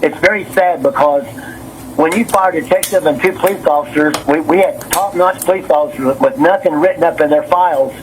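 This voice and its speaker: A little high and a little fast, this man's voice comes through a noisy phone recording. He's a city councilman and business owner, agitated and nervous on the call, tripping over his words, going in circles and repeating himself.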